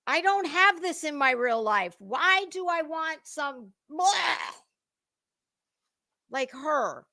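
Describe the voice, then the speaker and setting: This online commentary creator speaks in a high, sharp voice. Unscripted and ranting at her viewers, she's blunt, confrontational and full of swearing, pressing hard on the words she wants to land.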